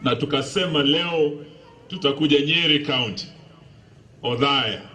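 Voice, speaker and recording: A man's voice: on the high side, unhurried, pushed and bright. A man with a Kenyan accent addressing a gathering with formal greetings and thanks. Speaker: politician. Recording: live speech with faint ambient noise.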